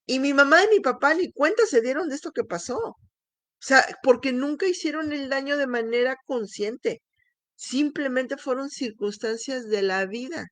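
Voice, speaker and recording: A woman's voice: high-pitched, normal speed, a bit bright, no room sound. A middle-aged woman, telling a candid, emotional personal testimony, with restarts and laughs. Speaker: speaker sharing her testimony.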